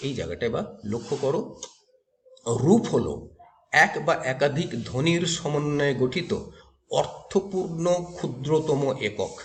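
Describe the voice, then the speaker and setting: A man's voice: a little high, animated, measured pace. A male teacher giving a grammar lecture to students, explaining step by step, repeating key terms and asking questions to the class.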